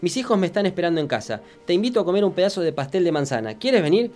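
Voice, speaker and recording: A man voicing a kind, motherly female bear in a read-aloud storybook, soft and gentle. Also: high-pitched, very animated, rapid-fire.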